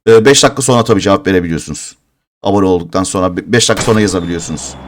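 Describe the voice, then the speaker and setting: A man in his thirties streaming a mobile game live, talking casually and growing exasperated and cursing as he goes. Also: medium pitch. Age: 30s. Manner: frustrated, exasperated, swearing in bursts.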